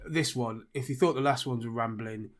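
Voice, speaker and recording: A man co-hosting a casual gaming podcast. He rambles and pokes fun at himself, talking at an even, mid-range pitch. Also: moderate pace. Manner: rambling, self-deprecating. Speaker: podcast co-host. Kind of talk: casual chat.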